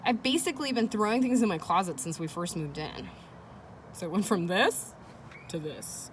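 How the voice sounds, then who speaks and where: Here a woman teacher with a fairly low, animated voice reads from a children's chapter book at normal speed, pausing for relaxed, encouraging asides and questions aimed at her audience. Background noise of children playing nearby fills the recording.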